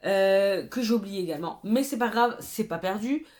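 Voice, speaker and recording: A woman beauty vlogger in casual haul chat, chatty and expressive, with exclamatory asides as she shows her purchases. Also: mid-range voice, normal speed.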